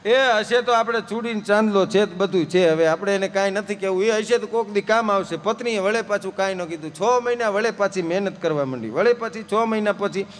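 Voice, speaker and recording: A folk storyteller and singer with a high voice tells humorous stories on a live stage, chatty and anecdotal, sometimes drifting into folk song. He speaks fairly quickly with hardly any pauses, and the live recording has long reverb and faint instruments.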